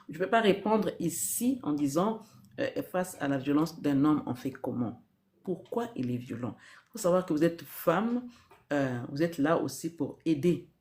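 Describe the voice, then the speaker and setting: On a live stream, an earnest woman gives spiritual guidance in a deep voice with a darkish tone. She keeps returning to key phrases and asks rhetorical questions.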